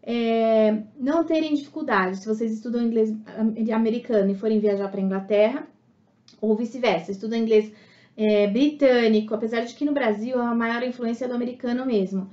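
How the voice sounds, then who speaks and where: A Brazilian woman teaches an online lesson in a fairly high voice, stopping often to check that her viewers follow. The sound is roomy and a little dull, as if recorded in a bare room. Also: a little fast, warm tone. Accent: Brazilian Portuguese. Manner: explanatory, many fillers and checks with the viewer. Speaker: English teacher.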